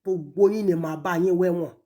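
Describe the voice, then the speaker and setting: A woman with a Nigerian accent scolds and taunts someone who isn't there, mixing two languages and leaning hard on her emphasis. Her voice is lowish and dark, her tone steady, and her pace quick.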